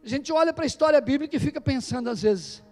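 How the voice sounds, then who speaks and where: A man preaching a fervent sermon, his voice sitting very high and swinging between shouted calls and hushed asides. Soft music plays faintly behind him in the church. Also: expressive, very fast. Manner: emphatic preaching, calls out to the congregation. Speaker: pastor. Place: church service.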